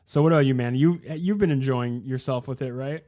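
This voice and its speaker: A man co-hosting a gaming podcast, chatting casually and rambling, acting out game characters in quick asides. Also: medium pitch, warm tone. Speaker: podcast co-host. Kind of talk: casual chat.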